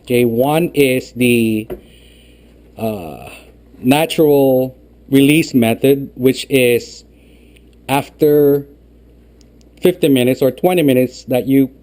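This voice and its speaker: Guy doing a cooking demo at home, slow and mellow, keeps saying okay. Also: mid-range voice. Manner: patient, repeats "okay" often. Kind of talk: step-by-step cooking demonstration. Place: home kitchen.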